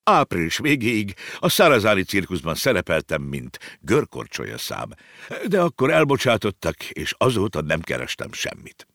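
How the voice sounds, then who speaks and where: A man doing a courteous, educated talking horse, formal storybook manner, low voice, dry sound. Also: wildly swooping pitch, vocal fry, a bit bright, dry recording, exaggerated voice. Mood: courteous, aggrieved. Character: polite, well-educated, down-on-luck circus horse.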